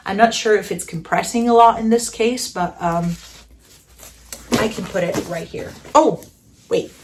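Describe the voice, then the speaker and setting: A woman's voice: medium pitch, unhurried, darkish tone, slight background noise. A woman narrating a casual packing vlog in a chatty, enthusiastic way, with playful self-aware humor. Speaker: vlogger.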